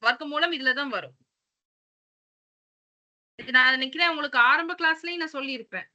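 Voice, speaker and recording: A woman's voice: high voice, fairly quick, bright, forceful tone. A woman, teaching a class step by step in a patient manner. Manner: patient, step-by-step, mixes English terms. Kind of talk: online class explanation.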